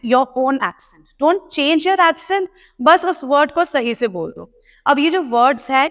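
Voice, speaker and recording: A woman teacher leads a pronunciation lesson and speaks straight to her students. Her voice sits high, and a long reverb rings behind each phrase. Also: fairly bright tone. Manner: explanatory, addresses students directly. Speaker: PTE coaching teacher. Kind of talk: spoken lesson in Hindi-English mix.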